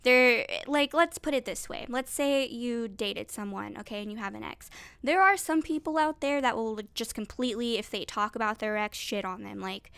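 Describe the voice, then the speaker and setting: A woman with a stuffed-up, nasal voice from a cold, pitched a little high and coming through clean and smooth. She rambles through unscripted commentary, recorded dry and close with no room sound. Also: moderate pace, a bit bright, dry recording. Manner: rambling, conversational. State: sick with a cold. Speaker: online content creator.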